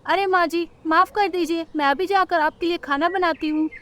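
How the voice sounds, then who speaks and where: A woman's voice: extremely high pitch, steady tone, moderate pace, fairly bright tone, pitched above the performer's own voice. A woman voicing a meek young female bird, a dutiful wife who speaks politely and pleads, in a cartoon story. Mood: pleading. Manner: polite, pleading, eager to please.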